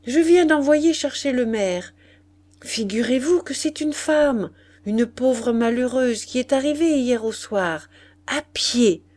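A woman's voice: high voice, lively intonation, slow pace, a little mellow, voice pushed up. Woman doing a chatty gossipy innkeeper.

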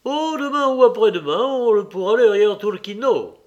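A man's voice: sits high, lively intonation, normal speed, muffled recording, voice pushed up. A man reading an audiobook voices a male estate steward who drawls excuses and starts his lines with "ben" and "oh". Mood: whining. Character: fretful peasant estate steward, male, evasive.

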